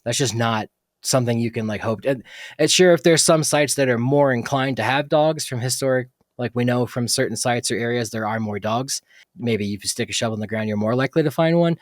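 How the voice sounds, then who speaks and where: Young adult male podcast host, mid-pitched, dry close mic, rambling and chatty, lots of filler words. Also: no room sound. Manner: rambling, tangent-prone, many fillers. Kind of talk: casual solo podcast talk.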